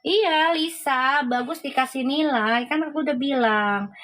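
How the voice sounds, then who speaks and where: A woman's voice: high voice, a little slow, fairly bright tone, low-quality recording. A woman hosting a casual livestream, chatting and reacting to viewer comments, laughing often.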